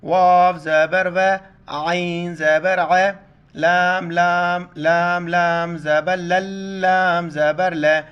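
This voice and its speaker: Man slowly teaching Quran recitation. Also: high-pitched, level tone, a bit bright, clean tone, dull audio. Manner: spells out letters and vowel marks, then slowly draws out each recited word. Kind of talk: word-by-word Quran recitation lesson.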